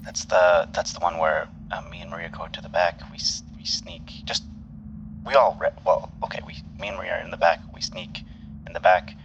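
A man's voice: low voice, level tone, a little fast, gravelly, fairly bright tone, dull audio, a little hiss or hum. A man playing a tabletop game, eagerly laying out a plan with stumbling restarts. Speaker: player. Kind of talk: casual tabletop play.

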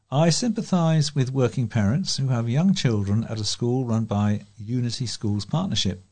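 A British-accented man volunteers as a newsreader for a talking newspaper, reading scripted local news items. His voice is medium in pitch with a somewhat dark tone.

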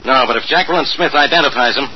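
A man's voice: medium pitch, fast, close to an everyday voice. A man playing a sarcastic, suspicious police inspector who badgers his suspect in a 1940s radio crime drama. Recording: dull, noisy old radio recording.

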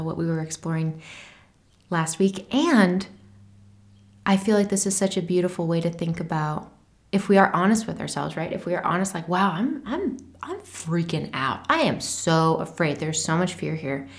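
A woman hosting a podcast alone, speaking casually and reflectively in a tender, earnest way with thoughtful pauses. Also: lowish voice, a little mellow. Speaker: podcast host. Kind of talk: reflective casual solo talk, with a short letter read aloud. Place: small unfinished home creative studio.

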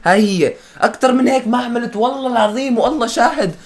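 A man's voice: very high-pitched, rapid-fire, crowd noise. A man with a Syrian Arabic accent chats informally among friends. He tells his anecdotes in a loose, conversational way.

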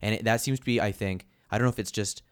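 A man co-hosting a podcast chat about a movie, animated and quick to jump into goofy voices. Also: fairly low pitch, dry recording, studio quality. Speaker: podcast co-host.

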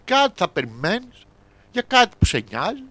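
A man's voice: sits high, wildly swooping pitch, bright, forceful tone, no room sound. A man hosting a radio show, reading horoscopes as a crude, rambling comic monologue full of wordplay.

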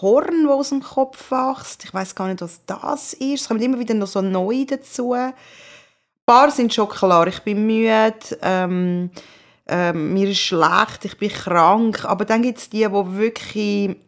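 A woman's voice: medium pitch, unhurried. A woman with a Swiss German accent, chatting casually and teasing her co-host. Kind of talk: casual chat.

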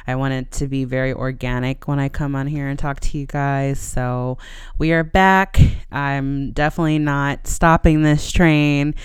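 A podcast host chatting casually and conversationally alone, in a smooth, clear voice close to the microphone. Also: mid-range voice, no room sound. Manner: conversational, laughs easily while talking.

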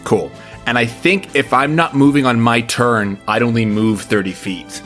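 A man's voice: medium pitch, normal speed, fairly bright tone, faint music behind. A man playing a tabletop game, joking around and asking rules questions. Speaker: player. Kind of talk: casual tabletop game play.

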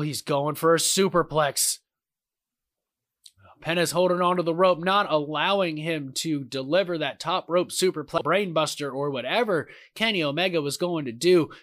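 High-pitched male wrestling commentator. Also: no echo, clean studio sound. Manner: excitable, exclaiming at big moves.

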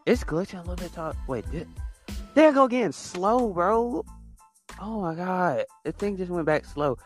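A man's voice: sits high, lively intonation, normal speed, faint music behind. A man co-hosting a casual podcast chat, his voice coming through a glitchy online call connection that keeps cutting out. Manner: slangy, easygoing, repeats himself. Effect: glitchy, cutting-out online call audio. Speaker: podcast co-host.

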